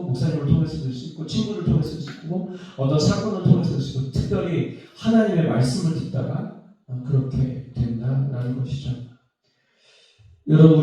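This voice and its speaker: A man's voice: on the high side, warm tone. A male pastor giving a youth sermon in a conversational way, acting out prayers and dialogues along the way. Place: church sanctuary. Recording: very echoey church hall, mic at a distance.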